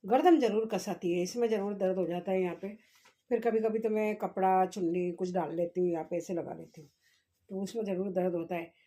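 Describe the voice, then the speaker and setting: A woman's voice: medium pitch, steady tone, brisk, mellow. A woman vlogging at home in a casual chat, talking straight to her viewers and musing aloud. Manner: chatty, talks straight to viewers, muses aloud.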